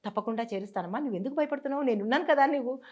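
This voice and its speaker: A woman voicing a kind old male stranger who speaks gently and reassuringly. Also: sits high, rapid-fire. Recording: dull lo-fi sound.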